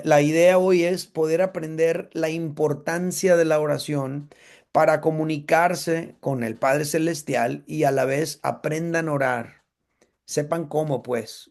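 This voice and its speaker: A man's voice: a little high, gravelly, darkish tone. A man teaching a casual Bible class, talking conversationally and checking in with his listeners.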